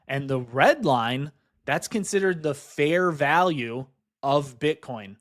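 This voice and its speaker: Excitable higher-voiced man on crypto charts. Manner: excitable, fast-talking, says "guys" and "right?" a lot. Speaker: crypto investing YouTuber. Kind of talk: excited market commentary over charts.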